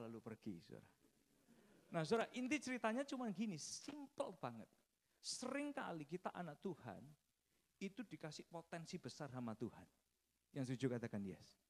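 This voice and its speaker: A man preaching a sermon, telling a story and often addressing the congregation directly. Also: fairly high pitch.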